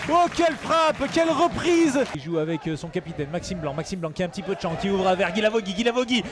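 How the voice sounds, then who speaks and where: A man giving excited live football commentary in exclamations, repeating his key calls. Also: sits high, very fast. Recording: clear stadium crowd and background noise.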